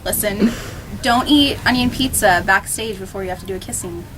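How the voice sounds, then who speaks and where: A teenage girl, a high school actor, chatting animatedly in a casual interview. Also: a little fast, crowd noise. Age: teens.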